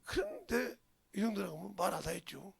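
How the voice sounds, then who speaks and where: An older man preaching a sermon, emphatic, firing rhetorical questions and swinging between loud outbursts and murmurs. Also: high voice, huge pitch swings, a little fast, creaky, a crowd in the background. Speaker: pastor.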